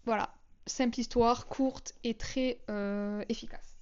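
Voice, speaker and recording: Young girl w/ doing a storytime vlog, high voice, kinda dull lo-fi sound, slangy and dramatic. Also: steady tone, slow pace, darkish tone, clean tone. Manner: chatty, slangy, dramatic retelling. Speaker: vlogger.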